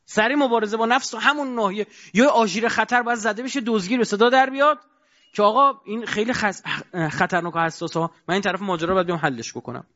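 A man giving a colloquial sermon, asking his audience rhetorical questions and moving between loud and quiet stretches. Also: high-pitched. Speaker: preacher. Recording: dull lo-fi recording.

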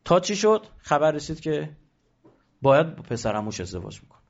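A man giving an animated religious lecture, emphatic and rhetorical, now and then mimicking the voices of others. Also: fairly high pitch, gravelly, lo-fi sound.

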